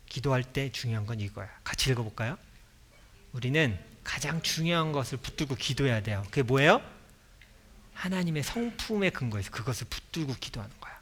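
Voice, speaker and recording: A man's voice: medium pitch, husky. A male pastor preaching a sermon in a church, acting out bits of dialogue and dropping to a whisper for emphasis. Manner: animated, acts out dialogue, drops to a whisper for emphasis. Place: church sanctuary.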